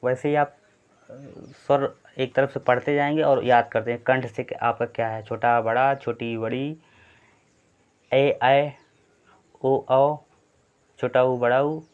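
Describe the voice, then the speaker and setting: A man teaches an exam-prep Hindi grammar lesson step by step, repeating points and frequently checking in with "thik hai." His medium-pitched voice is smooth and fairly even, moving slowly with long pauses, and the recording sounds slightly dull and lo-fi.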